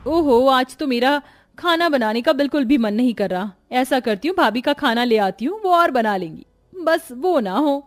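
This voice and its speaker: A woman's voice: animated, normal speed. A woman voicing a lazy, scheming young married woman in a cartoon, talking in a bratty, cheeky way. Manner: bratty and cheeky, high and sing-song. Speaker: sister-in-law character. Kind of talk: cartoon voice acting.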